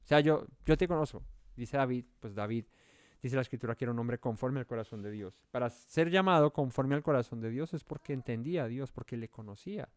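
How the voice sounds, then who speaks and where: A man leads a verse-by-verse Bible study with a smooth, clear voice. His delivery is earnest and explanatory, and he lifts his emphasis on key points. The sound is dry and close. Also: medium pitch, a little fast, no room sound. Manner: self-correcting, searching for words aloud.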